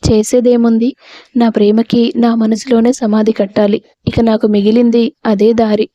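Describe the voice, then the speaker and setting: A woman's voice: on the high side, level tone, moderate pace, dark tone, no room sound, muffled recording, lightly acted. A woman voicing a lovesick young woman who hides her feelings and pleads earnestly for her friend. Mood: sad.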